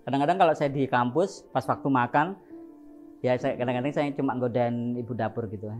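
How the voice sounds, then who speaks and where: A man preaching a lively, joking sermon, playfully acting out shouted prayers. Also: medium pitch, fairly quick, soft background music. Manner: animated, jokes and laughs, acts out shouted prayers.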